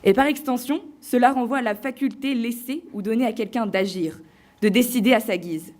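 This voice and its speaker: A woman on stage delivering a prepared competition speech to a live audience, theatrical and playful, with deliberate pauses. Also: a little high, darkish tone. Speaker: eloquence contest finalist.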